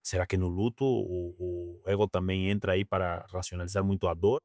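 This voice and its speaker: A man's voice: deep voice, fairly even intonation, a little fast, a little mellow, no echo, clean studio sound. A man hosting a podcast, reflecting aloud and asking thoughtful follow-up questions. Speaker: podcast host. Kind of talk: podcast conversation.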